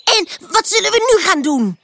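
An eager little puppy girl from a storybook, put on by a woman, squealing high and bouncing all over her pitch. She talks in excited, childlike bursts, recorded close and dry. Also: a little slow, no room sound, exaggerated voice.

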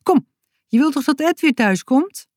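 A woman's voice: sits high, lively intonation, unhurried, darkish tone, no echo, studio quality, pitched above the performer's own voice. A woman voicing a firm, determined young girl who speaks sternly to a scared friend, in a storybook. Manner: stern, encouraging.

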